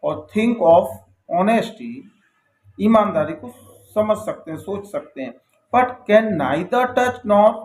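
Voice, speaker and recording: Man teaching grammar in an echoey room. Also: a little high. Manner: explains step by step, reads English lines slowly then repeats them. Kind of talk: classroom-style grammar lesson.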